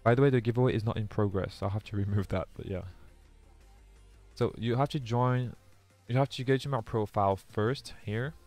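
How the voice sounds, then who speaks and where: A young man from France, speaking with a French accent as a native French speaker, chats with his live stream audience and reads their comments out, earnestly restarting his sentences again and again. His voice is fairly low and a little mellow at a normal speed, with faint music behind him.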